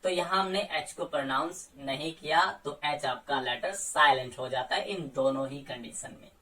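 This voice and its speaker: A man teaching English pronunciation in a coaching lesson, patiently saying example words slowly one by one. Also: on the high side, pushed and bright. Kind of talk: explaining silent letters in a lesson. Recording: voice a little far from the mic.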